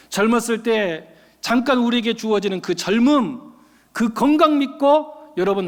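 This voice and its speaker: A male pastor preaching a sermon, telling a story in an animated way and acting out the characters' voices. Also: high voice. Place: church sanctuary. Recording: long church-hall reverb.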